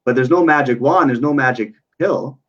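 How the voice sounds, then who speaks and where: A man's voice: mid-range voice, normal speed, highs cut off. A man speaking as an interview guest about working with youth, explaining earnestly with frequent fillers. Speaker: guest, youth worker and parenting coach.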